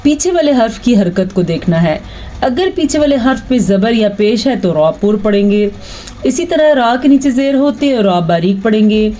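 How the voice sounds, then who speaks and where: A woman teaching Quran recitation, explaining patiently and reciting verses in a slow chant. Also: on the high side, animated, mellow, low-quality recording. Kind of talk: online tajweed lesson.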